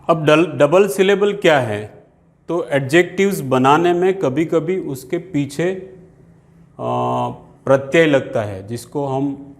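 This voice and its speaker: A man's voice: a little high, darkish tone. A man teaching English grammar in Hindi, spelling out words letter by letter and saying English examples with an Indian accent. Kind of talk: grammar lesson.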